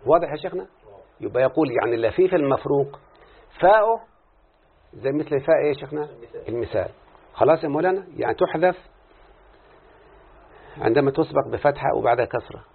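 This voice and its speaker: A man with an Egyptian Arabic accent teaches Arabic morphology as a sheikh in a recorded lesson, posing questions to his students, answering them himself and moving between classical and colloquial speech. His mid-range voice is animated, fast, creaky and husky, with long pauses. The audio is tinny and lo-fi, like a phone.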